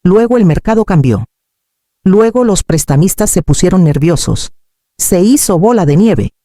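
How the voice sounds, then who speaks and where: A woman's voice: lowish voice, lively intonation, normal speed, mellow, no room sound, studio quality, voice pushed up. A woman voicing a proud grown daughter who answers in short, defensive phrases. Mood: tense, defensive. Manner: curt, defensive. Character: tense proud grown daughter hiding debts.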